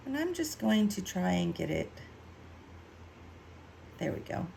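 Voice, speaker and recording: A woman's voice: on the low side, very animated, unhurried, creaky, warm tone, slight background noise, poor audio. A woman giving a casual craft tutorial, chatty and self-mocking as she thinks aloud while working. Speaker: card-making demonstrator.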